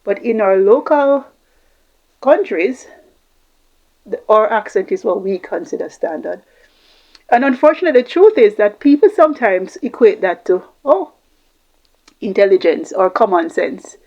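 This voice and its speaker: Speaking off the cuff to camera, this middle-aged communication coach from Jamaica wanders through long strings of examples. She has a mid-range voice with lively intonation, taking her time and leaving long pauses, all captured in a slightly dull lo-fi recording.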